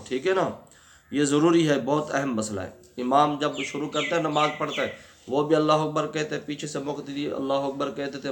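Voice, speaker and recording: A man gives a religious lesson on the rules of prayer, frequently asking questions and answering them himself. He slowly draws out words to show how they are pronounced. His voice is medium in pitch and a bit bright.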